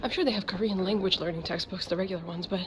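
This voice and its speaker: A woman's voice: medium pitch, racing, background noise. A woman in her twenties, a chatty, bubbly language-learning vlogger, talking to camera while walking through a bookshop. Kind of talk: casual vlog. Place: bookshop in London. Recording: loud background music.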